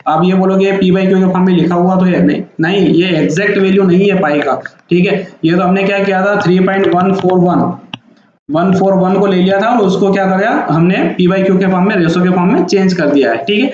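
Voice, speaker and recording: Speaking a little fast in a high-pitched voice with a darkish tone, a man delivers a classroom-style math lecture, patiently explaining, repeating each point and checking in often. A little hiss or hum sits in the very echoey, dull lo-fi room sound.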